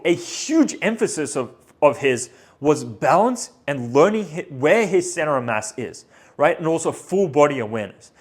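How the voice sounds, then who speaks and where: A man with a notably high voice talks through training drills as a coaching voice-over. His tone is explanatory, and he often pauses to check in with a quick "right?" or "okay?". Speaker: pitching coach and channel host. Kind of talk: instructional voice-over.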